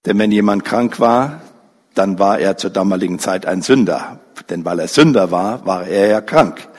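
A man's voice: a little mellow, husky. A man preaching a sermon, telling a story dramatically and briefly acting out the people in it. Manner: slow, pausing delivery with wide pitch swings. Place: church hall. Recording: reverberant church hall.

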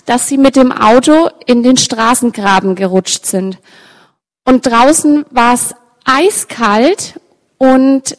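A woman telling a story with pictures to an audience, talking straight to her listeners in a lively way. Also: high-pitched. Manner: lively, direct address to listeners. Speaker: storyteller for children. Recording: long reverb, large hall.

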